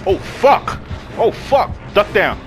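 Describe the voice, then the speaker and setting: Young man yelling and swearing while gaming. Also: high voice, big pitch swings, takes it slowly, faint music behind, poor audio. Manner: yells often and swears a lot; apologetic and laughing in between. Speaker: gamer playing with a friend. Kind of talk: excited gaming commentary.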